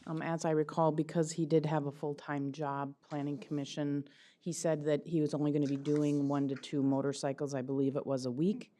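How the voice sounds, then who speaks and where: A woman on the county planning staff presenting a case to a board in a brisk, matter-of-fact way. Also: sits low, flat delivery, warm tone. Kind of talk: staff report at a public meeting.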